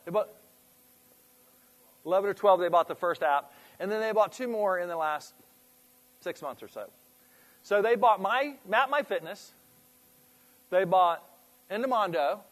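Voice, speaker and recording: Guy giving a casual business talk to a group, voice a bit on the high side, quizzes the room, restarts sentences a lot. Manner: conversational, asks the audience questions, trails off and restarts. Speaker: presenter at a fitness club industry meeting. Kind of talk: informal business presentation to a group.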